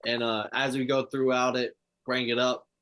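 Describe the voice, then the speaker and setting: A man hosting a casual sports podcast, talking excitedly and rambling, swearing freely. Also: medium pitch, normal speed. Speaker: podcast host.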